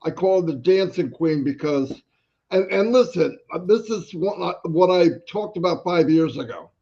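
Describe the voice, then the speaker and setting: A man's voice: high-pitched, moderate pace, creaky, mellow, breathy edge, muffled recording. A man co-hosting a livestream in a casual, motivational way. He is emphatic and repeats his key phrases. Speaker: livestream co-host.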